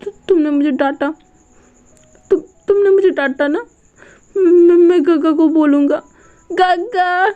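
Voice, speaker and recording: A woman voicing a spoiled young man who whines, stammers and pleads in a tearful, high tone. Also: moderate pace, phone-quality sound, lightly acted. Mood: whining, tearful.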